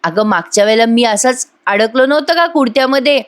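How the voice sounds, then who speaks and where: A woman's voice: a little high, brisk, close to an everyday voice. A woman voicing a playful, affectionate young husband in a spoken recap of a TV serial. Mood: teasing, tender.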